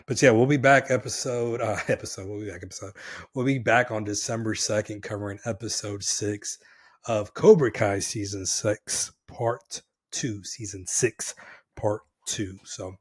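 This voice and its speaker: Hoarse, energetic male podcast host. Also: fairly low pitch, moderate pace. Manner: energetic, calls co-host brother. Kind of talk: casual podcast chat.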